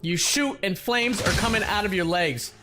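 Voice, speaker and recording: A man excitedly commenting on a video game for his channel in a casual, hyped-up way, swearing now and then. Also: high-pitched, normal speed, noisy background. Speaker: gaming YouTuber.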